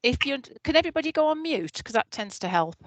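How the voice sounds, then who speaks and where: A woman on a video call who works as a public health officer, presenting health figures to a community meeting in a clear, explanatory, steady way. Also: high voice, fast, noisy background. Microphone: computer mic on a video call.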